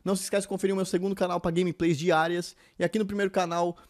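A young Brazilian man with a fairly high voice chats casually to his viewers. He speaks as a YouTuber close on a desk mic, with faint music. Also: flat delivery, very fast. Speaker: YouTuber and streamer. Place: small furnished room. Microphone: close desk microphone.

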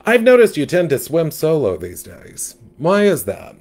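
A man putting on a flamboyant, gossipy male catfish from a storybook, higher than his usual voice and swinging through a very lively pitch. He talks with sassy, emphatic drama. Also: measured pace, full character voice. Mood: sassy advising.

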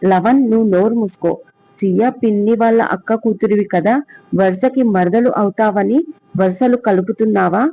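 A man voicing a loud, accusing middle-aged aunt in an audio story, shouting and mocking. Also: medium pitch, no echo, muffled recording, close to an everyday voice.

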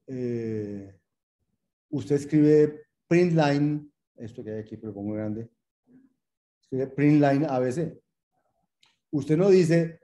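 A male programming lecturer with a deep, dark, mellow voice at a middle pitch. He explains patiently and repeats his points, often checking in with his students. He thinks aloud as he types code during the lesson. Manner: patient, repetitive explaining with rhetorical check-ins; addresses students formally, thinks aloud while typing. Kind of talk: lecture with live coding.

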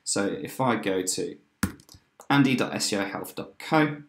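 Guy in his 30s doing a casual screen share demo, kinda low voice, upbeat, lots of ums, roomy sound. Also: animated, vocal fry, a little hiss or hum. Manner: upbeat, chatty, with fillers and quick restarts. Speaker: software demo presenter. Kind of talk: screen-share product walkthrough. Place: indoor room, webcam in corner of screen share. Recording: roomy echo.

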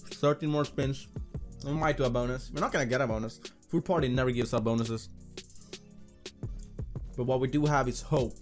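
A man's voice: mid-range voice, a little mellow. Slangy male slots streamer over music. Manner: profane, slangy bro talk. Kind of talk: casual gambling commentary to viewers. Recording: music behind the voice.

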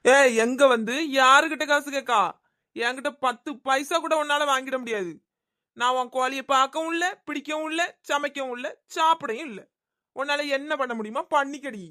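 A woman's voice: sits high, normal speed, bright, forceful tone. A woman playing a brash village woman accused of stealing a hen, with a Thoothukudi Tamil accent, who answers back with rhyming denials. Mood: defiant.

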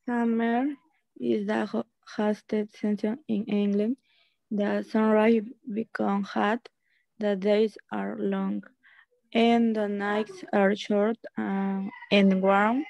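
A woman student reads an English text aloud in a slow, careful, halting way on a video call. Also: mid-range voice, flat delivery, vocal fry, darkish tone, no room sound, lo-fi sound.

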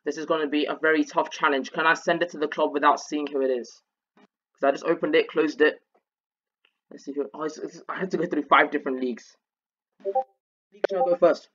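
A man's voice: fairly high pitch, steady tone, fairly quick, long pauses, fairly bright tone. A man giving casual, chatty commentary while opening game packs, often restarting his sentences. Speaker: gaming channel co-host. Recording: dull lo-fi sound.

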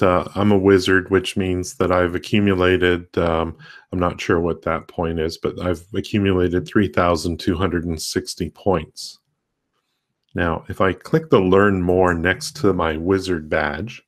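A man hosting a casual tutorial livestream, talking in a rambling, halting way with many fillers and restarts. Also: low-pitched. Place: home desk with a laptop.

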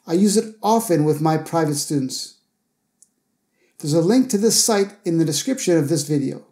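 A man narrating a scripted English pronunciation lesson as a teacher, sounding out example words slowly and carefully. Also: on the high side, expressive, warm tone.

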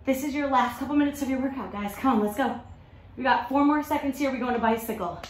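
A woman fitness instructor drives a workout with a high voice, in urging pep-talk bursts of short commands and counts. She is exerting herself as she speaks. The sound is a roomy home garage gym picked up from a few metres, with faint background noise. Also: fast talker. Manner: urging, motivational pep talk like a halftime speech; exerting herself while talking. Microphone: camera a few metres away. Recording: echoey room from a distance, faint noise.

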